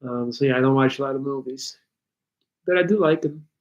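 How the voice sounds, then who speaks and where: In a muffled recording, a man with a medium-pitched voice speaks a little quickly as he runs a live Q&A. Dutch is his first language; his casual English rambles slightly, some sounds are subtly altered, and he stays relaxed while reading the chat aloud to answer viewers.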